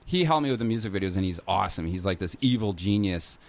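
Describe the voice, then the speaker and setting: A man's voice: low-pitched, animated, fast talker. A North American man chatting casually as a musician guest, in a hesitant, rambling, informal way. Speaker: musician being interviewed. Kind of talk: casual interview chat.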